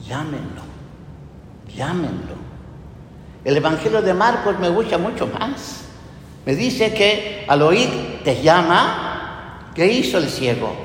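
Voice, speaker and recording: A man delivers a slow, unhurried sermon with a lively, swinging pitch. He keeps checking in with his listeners through little questions. His voice rings with a long reverb through a large church. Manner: lively, conversational preaching with frequent tag questions. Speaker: priest. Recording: echoey church hall, faint noise.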